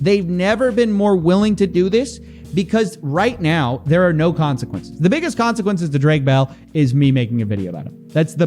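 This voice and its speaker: Male online commentator, exasperated and animated, higher-pitched, faint music underneath. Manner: exasperated, incredulous, calling people out. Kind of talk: direct-to-camera commentary.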